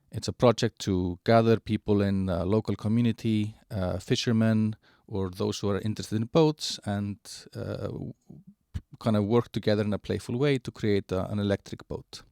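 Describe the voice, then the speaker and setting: A man giving a halting walkthrough of an online platform, with many fillers and restarts. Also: on the low side, fairly even intonation, gravelly, dark tone, no room sound, clean studio sound. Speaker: presenter of a digital platform. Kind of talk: screen-share product walkthrough.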